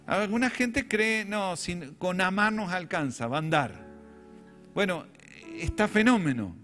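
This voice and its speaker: A man's voice: a little high, a bit bright. A middle-aged man with a Rioplatense Spanish accent, preaching a sermon as a pastor and telling stories with self-deprecating humor.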